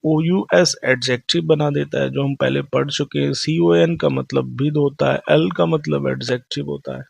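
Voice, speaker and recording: A man's voice: a little high, vocal fry, a little mellow, breathy edge, no echo. A man teaching English vocabulary in a classroom lesson, mixing Hindi and English and reading out definitions before explaining them. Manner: mixes Hindi and English, reads definitions slowly then explains.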